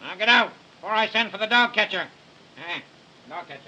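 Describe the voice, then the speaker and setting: Shrill, crotchety old man, early talkie. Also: lively intonation, a little fast, sharp tone, highs cut off, full character voice. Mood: irritated, bossy. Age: older. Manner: grumbling, repeats himself, barking orders. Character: crotchety, domineering old man, master of the house. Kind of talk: early talkie film acting, stagy and declamatory. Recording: noisy early sound film track.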